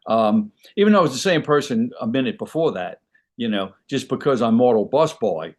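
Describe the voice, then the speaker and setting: A man's voice: medium pitch, expressive, fairly quick. An older man, an actor guest on an interview, telling stories in an easygoing, rambling way with frequent "you know"s. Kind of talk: casual interview chat.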